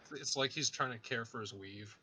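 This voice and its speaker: A man's voice: medium pitch, brisk, crowd noise. A man chatting casually as a player in a tabletop game. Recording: faint background noise.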